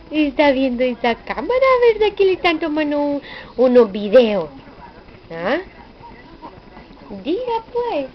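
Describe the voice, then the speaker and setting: A woman's voice: high-pitched, a little hiss or hum. A woman coaxing a baby in sing-song baby talk, repeating little words over and over. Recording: dull lo-fi home video.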